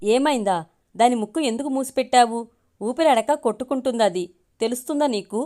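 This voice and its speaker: A woman reads the lines of a teasing young husband in a storybook, her voice left fairly high and hardly lowered for the man. He jokes lightly and wears a worn-down patience. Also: brisk, mellow, natural voice. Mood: exasperated. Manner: joking, then pleading and exasperated. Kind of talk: storybook reading.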